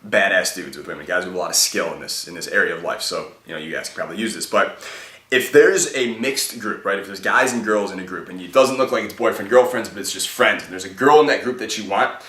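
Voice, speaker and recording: A young man talks fast and loose, handing out dating tips in a relaxed, chatty flow. His voice sits a little low but has a bright, forward edge. He sounds set back from the mic in an echoey room. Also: far from the mic. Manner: laid-back, chatty, full of "like" and "okay?". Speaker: dating advice speaker. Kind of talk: casual advice monologue.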